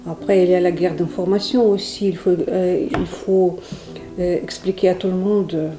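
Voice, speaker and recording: A woman's voice: on the low side, fairly even intonation, normal speed. A middle-aged woman from Ukraine with a Ukrainian accent, earnestly answering interview questions with many restarts. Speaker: interviewee, volunteer. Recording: echoey room with music under.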